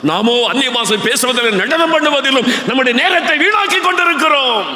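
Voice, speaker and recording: An older man, preaching a sermon that swings from hushed storytelling to high shouted appeals. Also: expressive, a little fast. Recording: echoey hall.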